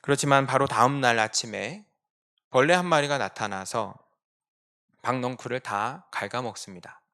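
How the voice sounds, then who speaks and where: A male pastor delivering a Sunday sermon in church. He swings between quiet, reflective asides and sudden emphatic outbursts. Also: medium pitch, normal speed.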